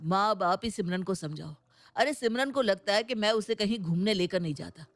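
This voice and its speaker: A woman's voice: mid-range voice, normal speed, close to an everyday voice. A woman voicing a busy young husband who defends himself in an exasperated, complaining way in an audio storybook.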